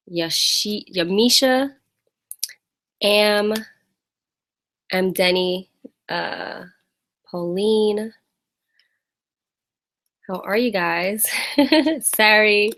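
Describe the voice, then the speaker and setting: Her mid-range voice is a bit bright as she chats and laughs during a casual live-stream fitness Q&A. The host, a woman from the United States, greets viewers by name.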